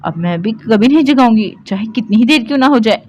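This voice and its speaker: A woman's voice: on the high side, lively intonation, a little mellow, lo-fi sound, a little hiss or hum, natural voice. A young wife, voiced by the narrator, speaks in a wounded, pleading way, close to tears. Her lines rise a little above the narrating voice of this audio novel. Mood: hurt. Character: young wife, tearful and sulky.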